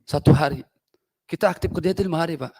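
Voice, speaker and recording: A man's voice: fairly high pitch, quick pace, warm tone, breathy edge. A man from Indonesia testifying as a local resident at a parliamentary hearing, earnest and emotional, deferentially addressing the officials again and again. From Indonesia, Parung Panjang. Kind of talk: impassioned public testimony.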